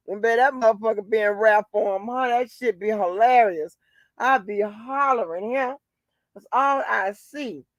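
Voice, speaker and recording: Poor audio with no room sound carries a woman's slightly high, hoarse voice as she hosts a relaxed gossip show. She laughs a lot, cusses without restraint and calls her audience honey and baby.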